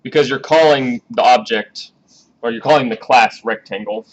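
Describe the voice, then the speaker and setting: Here a man in his 30s lectures on programming at normal speed, his pitch medium. Easygoing and conversational, he keeps inviting the class to speak up with questions, captured on a dull, low-fidelity classroom recording with a faint hiss.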